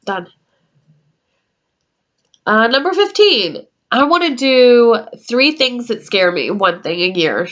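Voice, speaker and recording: A woman's voice: fairly high pitch, big pitch swings, slow, pauses often, lo-fi sound. A woman in her twenties talks casually to camera from her room at home, chatty and meandering, with frequent ums as she works through a list. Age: 20s. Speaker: YouTuber. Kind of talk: casual vlog talk.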